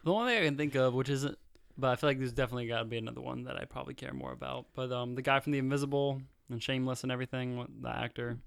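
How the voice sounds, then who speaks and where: A man's voice: medium pitch, fairly even intonation, racing, creaky, a bit bright, smooth, no room sound, clean studio sound. A man in a casual podcast chat, talking eagerly and chattily about movies and actors. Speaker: podcast co-host.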